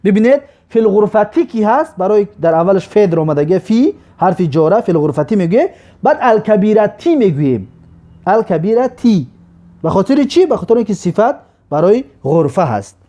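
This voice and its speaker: A man teaches a grammar lesson, walking through each example slowly and repeating every phrase. His voice sits high and moves a lot in pitch. The tone is mellow and dark. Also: big pitch swings. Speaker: Arabic teacher.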